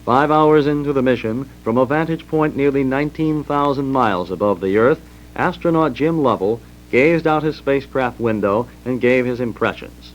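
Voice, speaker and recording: A man with an American accent reading scripted historical narration as a documentary narrator, formal and measured. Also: medium pitch. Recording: dull vintage record with hum.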